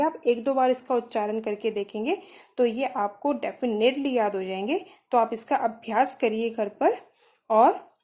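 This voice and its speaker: A woman's voice: on the high side, dark tone. A young woman teaching a grammar lesson, patiently saying sounds one at a time for learners to copy.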